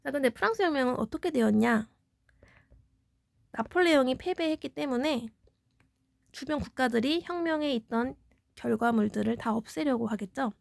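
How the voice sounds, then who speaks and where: Female teacher, slightly high voice, walks students through exam material with rhetorical questions. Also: expressive, moderate pace, gravelly, pauses often, no room sound, studio quality. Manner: explanatory, poses questions then answers them. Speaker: middle school history teacher. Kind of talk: exam review lecture.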